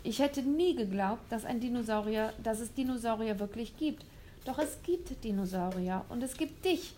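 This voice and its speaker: A woman's voice: on the high side, warm tone, slight background noise, close to an everyday voice. A woman voicing an earnest, hopeful young boy in a storybook reading. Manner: earnest, slow and heartfelt.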